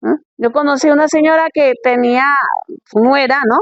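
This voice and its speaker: High-voiced woman preaching, muffled. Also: moderate pace, no echo. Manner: conversational, asks rhetorical questions. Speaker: pastor. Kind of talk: conference sermon.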